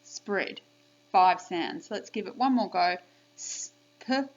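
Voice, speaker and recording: A woman teaching young children a spelling lesson on video, sounding out letters and sounds slowly and clearly. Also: lowish voice. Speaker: primary school teacher. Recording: slightly dull lo-fi sound.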